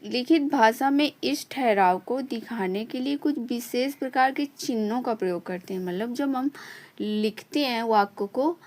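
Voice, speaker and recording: A woman teaching an online lesson, explaining each point slowly and repeating it, checking in with a short "okay" after almost every sentence. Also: fairly high pitch, darkish tone.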